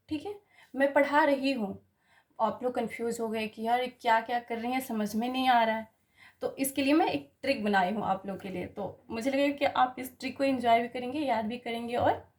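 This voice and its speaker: A high-pitched woman gives a basic grammar lesson. She explains patiently, spells words letter by letter, and keeps checking that the class follows. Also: moderate pace. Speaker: teacher.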